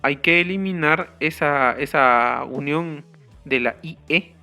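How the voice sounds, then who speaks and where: A man teaching an English grammar lesson, explaining the rules slowly and carefully and spelling out the letters. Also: on the high side, bright, forceful tone, soft background music.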